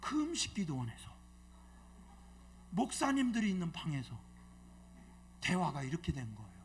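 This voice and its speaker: Pitched on the high side, this middle-aged bishop's voice swoops wildly as he speaks at a moderate pace. Visiting as a guest preacher, he delivers a revival sermon in the church sanctuary, spinning a joking, colloquial story and firing questions at the congregation.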